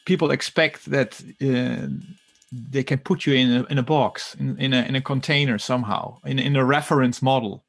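A man's voice: medium pitch, steady tone, moderate pace, creaky, faint music behind. A middle-aged man raised in the Netherlands and Germany, speaking as a podcast guest in a thoughtful, hesitant way with many fillers and restarts. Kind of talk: conversational interview.

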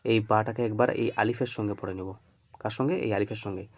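Low-voiced man teaching, quizzing himself. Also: fairly even intonation, quick pace. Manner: asks questions and answers them himself; repeats checks like "okay?" often. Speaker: Arabic reading teacher. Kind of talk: screen-share lesson.

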